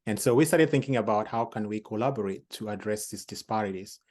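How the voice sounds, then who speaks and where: Man, from Cameroon, program director, low voice, measured, filler-heavy talk. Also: a little mellow. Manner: measured, explanatory, many fillers. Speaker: founding director of a health program. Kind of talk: panel conversation.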